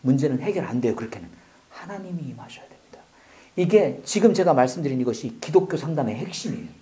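Fast animated male pastor preaching. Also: on the high side, a little hiss or hum. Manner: animated, swinging from loud exclamations to near-whispers, joking asides. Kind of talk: sermon with counseling asides.

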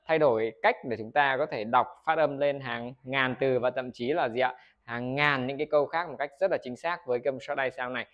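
A man's voice: medium pitch, fairly even intonation, a little fast, lo-fi sound. A Vietnamese man teaching English pronunciation in a video lesson. He keeps asking the viewers questions, answers them himself and models words for them to repeat.

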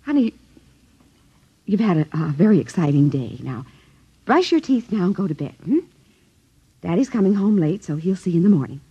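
An actress playing a gentle housewife and mother in 1950s radio acting, with a breathy voice. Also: fairly low pitch, big pitch swings, normal speed, pauses often, full character voice. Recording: dull 1950s radio recording.

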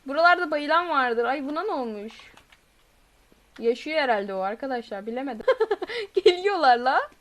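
A woman's voice: high voice, animated, normal speed, pauses often, fairly bright tone. A woman streaming a game live, chatting with viewers, reading their messages aloud and shrieking when chased. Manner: reads chat messages aloud. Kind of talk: live gameplay commentary.

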